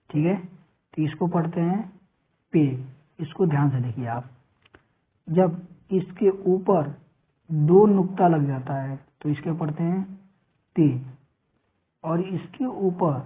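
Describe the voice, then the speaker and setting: A woman teaching the alphabet in a slow, patient drill, repeating each letter and checking in with her learners. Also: sits low, husky. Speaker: Urdu teacher. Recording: tinny phone-like sound.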